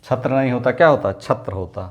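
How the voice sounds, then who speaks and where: Male tutor at a mid pitch, drilling words over and over with quick questions to the class. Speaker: teacher. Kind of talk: exam-prep lesson.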